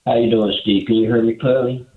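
A male caller on speakerphone from a bathroom, asking a casual question in a halting way with filler pauses. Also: medium pitch, steady tone. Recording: echoey tinny speakerphone line.

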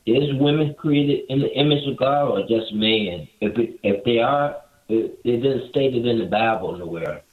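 A male caller on speakerphone from a bathroom, asking a casual question in a halting way with filler pauses. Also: mid-range voice. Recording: echoey tinny speakerphone line.

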